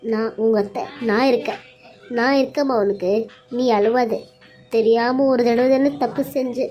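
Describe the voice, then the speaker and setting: A scheming middle-aged mother-in-law from a cartoon serial, voiced by a woman. Her voice sits high yet mellow, and she scolds, taunts and wails with theatrical drama. She drops into low, plotting asides when alone. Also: highs cut off, natural voice.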